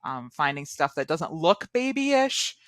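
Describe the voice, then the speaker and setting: A woman, a high school English teacher, chatting as a guest in an interview, filling her talk with "um" and "like". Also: sing-song, unhurried, no echo, clean studio sound. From United States. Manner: chatty, lots of fillers like "um" and "like". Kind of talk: casual interview chat.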